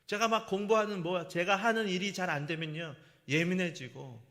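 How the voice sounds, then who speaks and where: A man's voice: high voice, moderate pace, bright, forceful tone. A middle-aged man preaching a sermon as a pastor, telling a personal story and acting out the lines he quotes. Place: church sanctuary. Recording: long church-hall reverb.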